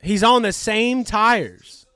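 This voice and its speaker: A man hosting a live race stream, giving excitable, profane, jokey commentary. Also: high-pitched, takes it slowly, smooth, no echo, studio quality.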